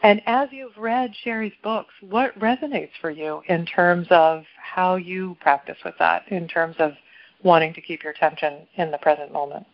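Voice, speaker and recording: A woman's voice: lowish voice, normal speed, highs cut off. Chatty woman hosting a call-in show. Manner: warm, encouraging, chatty with frequent affirmations. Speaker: radio show facilitator. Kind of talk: casual call-in radio conversation.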